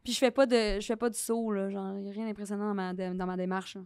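A woman's voice: mid-range voice, little pitch movement, fast talker, darkish tone, clean tone, no room sound, studio quality. A young woman with a Québécois accent, a guest telling self-mocking stories in a casual podcast chat. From Quebec. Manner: laughing, self-mocking storyteller.

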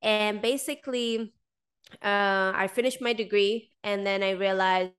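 This smooth, fairly bright medium-pitched voice belongs to a woman in her thirties who was raised in Sweden. She speaks a little slowly with fairly even intonation, chatting casually with many fillers and "like" as a podcast guest. She's on a video call in a small indoor room, a desk microphone close by and in frame.

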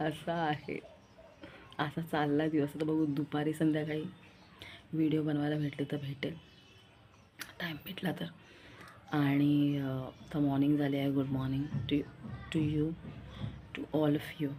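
A woman's voice: low voice, little pitch movement, measured pace, pauses often, warm tone, slight background noise. A young woman with a Marathi accent chatting in a rambling, confiding vlog style, repeating herself as she talks. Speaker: vlogger. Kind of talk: casual vlog chat.

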